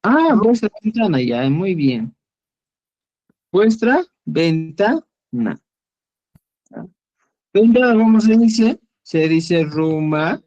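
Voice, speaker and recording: A man teaching an online class, explaining slowly and patiently, often checking that students follow. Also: sits high, big pitch swings, darkish tone, muffled recording. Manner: slow, patient, checks understanding with "¿ya?". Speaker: Quechua teacher.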